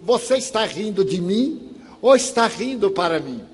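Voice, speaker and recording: An older man voicing an irritable man who shouts at strangers in a queue, delivered loudly and confrontationally, with a husky voice. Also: sits high, big pitch swings, normal speed, long reverb tail, voice pushed up, full character voice. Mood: angry. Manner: loud, confrontational heckling.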